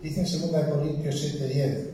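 A man with a Spain Spanish accent preaching an earnest sermon, slightly high-pitched with a warm, mellow tone. His emphatic delivery swings from loud to hushed. He is heard from a distance in a very echoey church with faint ambient noise. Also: fairly even intonation, normal speed. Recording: very roomy church hall from a distance.

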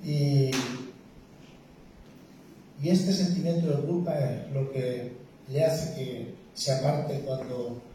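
A man preaching a sermon with a Spain Spanish accent, earnest and emphatic, swinging between loud declarations and hushed words. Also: medium pitch, fairly even intonation, takes it slowly, pauses often, a little hiss or hum. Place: church. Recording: very roomy church hall from a distance.

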